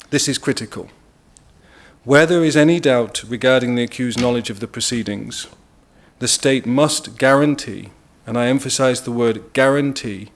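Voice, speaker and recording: British male lawyer, mid-pitched, formal and deliberate briefing delivery. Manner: measured and deliberate, stressing key words. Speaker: international lawyer speaking at a press briefing. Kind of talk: formal legal presentation.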